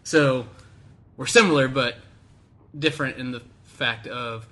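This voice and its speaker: A man's voice: medium pitch, measured pace, sharp tone. A man from Florida hosting a podcast, chatting casually, giggling and saying "like" constantly. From Florida, USA. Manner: giggly, heavy use of "like". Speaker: podcast host. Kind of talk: casual chat.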